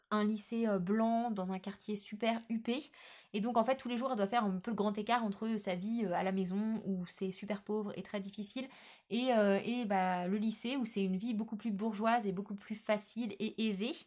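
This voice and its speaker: A woman talking casually in a book vlog, often hesitating with filler sounds and restarts. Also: medium pitch. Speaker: book vlogger.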